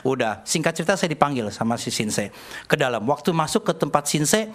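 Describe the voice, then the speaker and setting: A man's voice: a little high, a little fast. An older man preaching a sermon, telling a personal story in a chatty, joking way. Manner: chatty, jokey, acts out dialogue in animated voices. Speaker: pastor.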